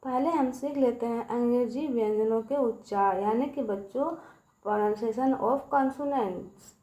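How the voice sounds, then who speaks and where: A woman's voice: a little high, slow, mellow. A woman teaching a beginner English lesson to children, constantly checking in with them and quizzing them on each letter. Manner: addresses kids repeatedly, checks with "ठीक है" and quiz questions. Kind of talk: Hindi classroom-style video lesson. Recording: echoey room.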